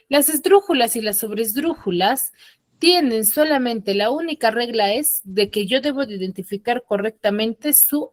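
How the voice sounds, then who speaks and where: A woman's voice: fairly high pitch, dry recording, studio quality. A woman teaching an online class, patiently explaining and often checking that her students follow. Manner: patient, asks frequent check questions. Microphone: computer mic on a video call.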